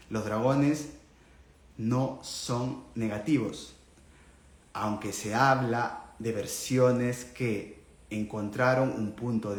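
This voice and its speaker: Man giving a live spiritual talk, earnest, keeps asking if u follow, roomy echo, faint hiss behind. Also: fairly low pitch. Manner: earnest, explanatory, asks listeners questions. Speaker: spiritual teacher. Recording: echoey room with faint background noise.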